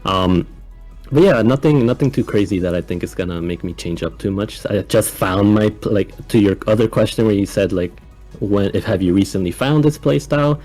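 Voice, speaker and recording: A calm, laid-back young man from Ecuador, speaking in a low, deep voice. He chats casually as an interview guest, relaxed and never hyped. Faint music plays underneath. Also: moderate pace. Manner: calm, laid-back, soft-spoken with frequent laughs. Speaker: guest coach.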